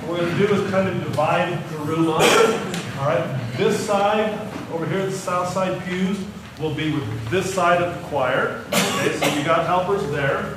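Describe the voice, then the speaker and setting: A middle-aged man directs a congregation in a casual, folksy way. He sounds far from the microphone in a very echoey sanctuary, with loud room noise around him. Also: high voice, normal speed. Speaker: church music director. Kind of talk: informal spoken instructions to congregation. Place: large church sanctuary among pews.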